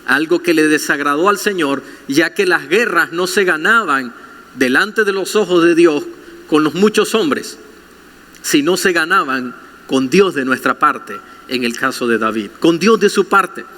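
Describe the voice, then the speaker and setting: High, bright-voiced male pastor preaching. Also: lively intonation, measured pace. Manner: addresses listeners directly with rhetorical questions. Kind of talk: sermon. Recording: long reverb of a large hall.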